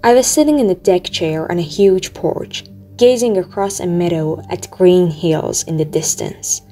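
A woman reading an audiobook aloud in a steady, measured storytelling manner. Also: fairly low pitch. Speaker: audiobook reader. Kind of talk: audiobook narration. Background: faint music.

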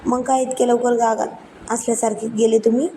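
A woman's voice: a little high, flat delivery, brisk, mellow, slight background noise, lightly acted, rough recording. A woman voicing a playful young wife who pouts and teasingly refuses her husband. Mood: sulky.

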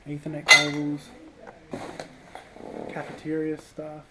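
In a slightly high voice with a completely flat delivery, the vlogger takes things slowly, giving casual commentary on everything he finds while exploring an abandoned indoor campus building. His head-mounted action camera records noisy, handheld-style audio.

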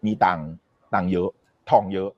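A man's voice: low voice, moderate pace, no room sound, lo-fi sound. A man giving a casual, emphatic talk as an economic commentator. He makes firm predictions and keeps checking whether the listener follows him.

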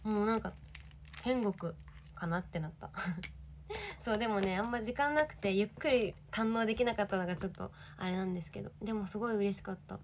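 This young woman, an idol in her twenties, reads viewer comments and chats casually on a livestream, giggly and bubbly. She speaks briskly in a mid-range voice, with a little hiss or hum in the recording.

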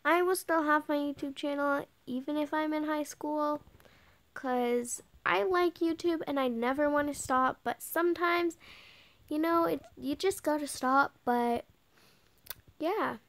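A young girl, high-pitched and a bit bright, speaks at a measured pace while giving a casual house tour in a handheld game. She's the channel owner, chatting away and often slipping into whispers as she plays, in relaxed gameplay commentary.

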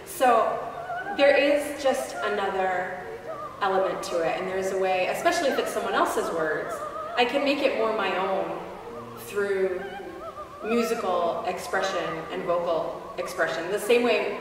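A Boston opera singer in her thirties reflects thoughtfully, candidly and with self-deprecation on her work during an interview in a church sanctuary. A distant camera picks up her medium-pitched, slightly slow voice amid echo and background noise.

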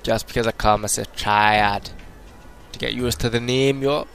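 A young British man casually commentates a game, joking and rambling in a put-on Jamaican accent. His mid-range voice is steady, gravelly and a bit bright at normal speed, with faint music behind him.

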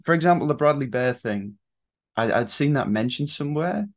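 A young British man hosts a podcast from a small room at home, keeping the interview chat casual. His mid-range voice is animated, and he speaks at a normal speed.

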